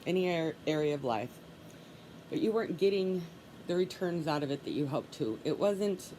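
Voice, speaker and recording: At normal speed, a solo tarot reader with a low voice and stuffy nose calmly murmurs the same soft requests over and over while drawing cards. A steady hiss underlies the rough recording.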